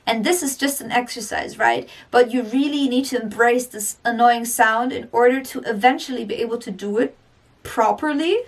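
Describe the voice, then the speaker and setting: A woman's voice: fairly high pitch, moderate pace, far from the mic. A woman teaching singing in an upbeat manner, explaining techniques and then demonstrating the sounds herself. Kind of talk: vocal lesson with demonstrations.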